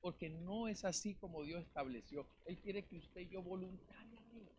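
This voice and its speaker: A man preaching a lively sermon as pastor in a church, calling out questions to the congregation. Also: high-pitched, normal speed, slight background noise. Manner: calls out to the congregation, rhetorical questions. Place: church in Valencia, Spain. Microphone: live-streamed service mic.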